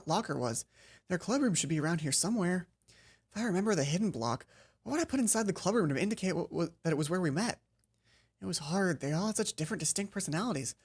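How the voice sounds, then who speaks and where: Reading a visual novel out loud, this woman stumbles over the lines and drops exasperated, offhand asides. Her voice sits on the low side, a little mellow and husky, as befits a let's play host.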